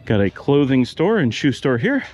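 Faint music plays behind a middle-aged vlogger as he casually narrates a walking tour, pointing out houses and shops on neighborhood streets outdoors. He speaks at normal speed in a mid-range voice, relaxed as he walks.

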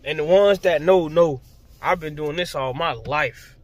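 A man's voice: a little high, measured pace, no room sound. A young man, talking in a casual, emotional, rambling vlog. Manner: emotional, heartfelt, slangy and rambling. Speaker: vlogger. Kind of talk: casual vlog talk to camera.

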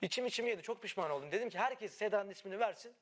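Young guy begging her, high voice, talks fast, sorry sounding. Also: expressive. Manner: pleading, repetitive, remorseful. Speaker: reality show contestant. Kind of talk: emotional heart-to-heart. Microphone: wireless body mic.

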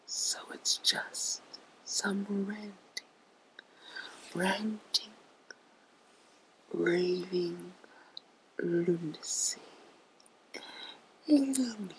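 Drunk person whisper ranting into phone, super slow n halting, gravelly rasp, brooding. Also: mid-range voice, little pitch movement, fairly bright tone, a little hiss or hum, rough recording. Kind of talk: rambling rant to camera. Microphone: phone held very close to the mouth.

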